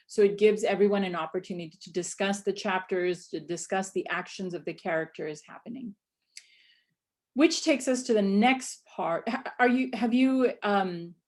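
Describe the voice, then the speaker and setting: Woman from Pakistan, instructional coach, presenting to educators, chatty, lots of ums, mid-pitched voice. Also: a little mellow. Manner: conversational, many fillers and restarts.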